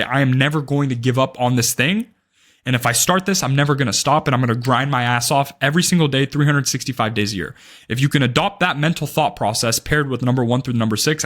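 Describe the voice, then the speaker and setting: A man's voice: mid-range voice, fairly bright tone. A man of about twenty giving blunt, emphatic advice straight to camera, swearing freely and often ending points with "right?". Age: young adult. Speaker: day trading vlogger. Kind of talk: direct-to-camera advice talk.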